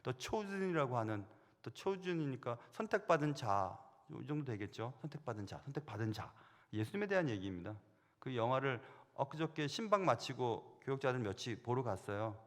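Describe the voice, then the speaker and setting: A man's voice: medium pitch, moderate pace. A middle-aged man preaching a sermon as senior pastor, telling stories animatedly. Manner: animated storytelling, acting out quoted voices. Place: church sanctuary. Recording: long hall reverb.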